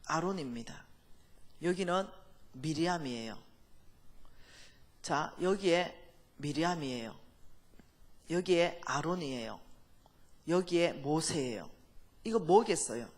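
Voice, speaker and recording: A man preaching a revival sermon as pastor, questioning the congregation and dropping to a whisper to press a point home. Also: high-pitched. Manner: acts out quoted voices, drops to whispers for emphasis; talks straight to the congregation with questions.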